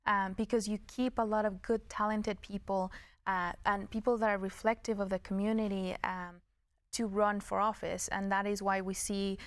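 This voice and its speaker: A woman's voice: medium pitch, little pitch movement, moderate pace, no room sound. A woman giving earnest, explanatory interview answers as a political candidate.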